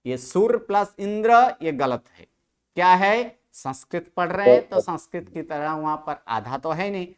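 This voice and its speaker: Smooth-voiced teacher quizzing a class. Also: mid-range voice, expressive. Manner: quizzing students with constant questions; repeats answers back slowly. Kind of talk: classroom Sanskrit grammar lecture.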